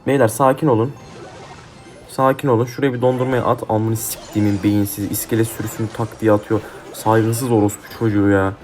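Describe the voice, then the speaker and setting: A man's voice: fairly low pitch, level tone, brisk, darkish tone. A young man commentating his own mobile game match, swearing heatedly and trash-talking his opponents. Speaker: gaming YouTuber. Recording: faint game music behind.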